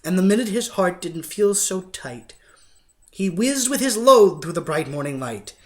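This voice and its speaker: Reading a rhyming storybook a little slowly, this man uses a high voice and plays the part of a theatrical, dramatic narrator with plenty of expression.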